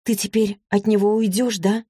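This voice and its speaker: A woman's voice: mid-range voice, little pitch movement, normal speed, dark tone, breathy edge, dry recording, studio quality, voice pushed up, lightly acted. A woman reading a story, voicing an anxious, affectionate teenage girl who talks in an eager, pleading way.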